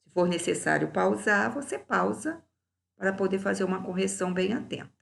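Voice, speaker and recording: A woman teacher, slow and deliberate, going through grammar exercise answers in a recorded class and drawing out each example word. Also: medium pitch, expressive, gravelly.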